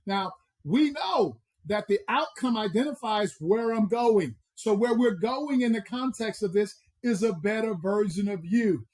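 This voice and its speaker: A man's voice: high voice, a little mellow. A man from the American South with a Southern accent, talking as a personal growth coach on a podcast in an emphatic, preacher-like way. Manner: emphatic, preacher-like, drawn-out stresses. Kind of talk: motivational podcast talk.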